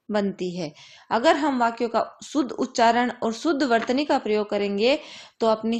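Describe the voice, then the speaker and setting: A woman with a slightly raised voice teaches grammar to young children. She reads each item slowly and patiently and answers the questions she asks. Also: a little high. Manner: reads worksheet items aloud in a steady, measured way.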